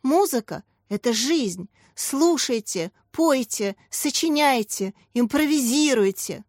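A woman voicing an enthusiastic female music teacher who declaims in a high voice. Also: expressive, slow, a little mellow, no echo, clean studio sound, full character voice. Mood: inspired.

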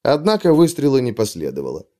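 A man reading an adventure story aloud as narrator, in steady, dramatic storytelling. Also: mid-range voice, quick pace. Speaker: audiobook narrator. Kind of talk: scripted narration.

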